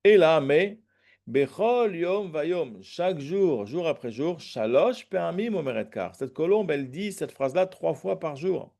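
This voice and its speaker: A man's voice: fairly high pitch, animated, measured pace, creaky, warm tone. A man teaching a Talmud lesson, reading each phrase and then translating and explaining it. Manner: hesitant fillers and restarts.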